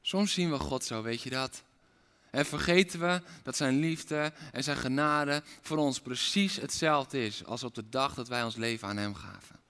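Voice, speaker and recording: A man's voice: mid-range voice, normal speed, bright, forceful tone, smooth. A man preaching a sermon as a pastor, with an impassioned, repetitive preaching cadence. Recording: long reverb of a large hall.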